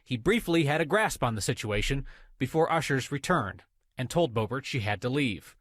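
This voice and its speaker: A man reading a scripted news report in a measured, matter-of-fact way. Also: medium pitch, expressive, a bit bright, dry recording, clean studio sound.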